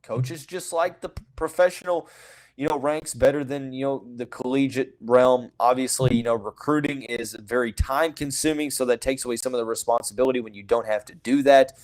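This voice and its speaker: Male sports podcast host, mid-pitch, casual and blunt, lots of fillers. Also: brisk, darkish tone, poor audio. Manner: heavy use of "you know" fillers and restarts; frank, opinionated, says he calls it as he sees it. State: has the hiccups. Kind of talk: casual sports talk monologue.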